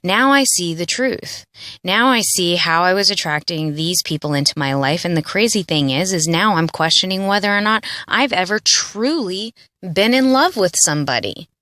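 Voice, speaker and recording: A woman's voice: lowish voice, animated, moderate pace, sharp tone, no echo, clean studio sound. Earnest woman in her late thirties. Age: late 30s. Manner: confessional, earnest, rambling with frequent "like" and "you know". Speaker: audio blogger. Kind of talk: reflective personal monologue.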